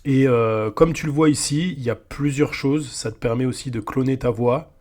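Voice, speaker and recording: A man's voice: medium pitch, moderate pace, darkish tone. A man casually walking a viewer through an AI video tool, talking to them directly and informally, with frequent hesitations. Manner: casual, addresses viewer as tu, many fillers. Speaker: tutorial host. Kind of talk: screen-recorded software tutorial.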